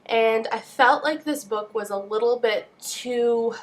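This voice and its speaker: A young woman with a fairly high, nasal voice, congested from a cold, chats casually and at a measured pace while giving book reviews as a book vlogger.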